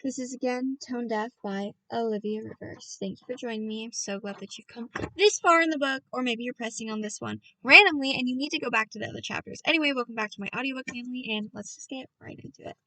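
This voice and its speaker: A woman's voice: on the high side, fast talker, hardly any pauses, sharp tone, no echo, distant mic, low-quality recording. A woman reading a novel aloud as a casual audiobook, chatty and playful, often stopping to talk to her listeners. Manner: chatty, self-interrupting, playful with voices. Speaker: audiobook reader.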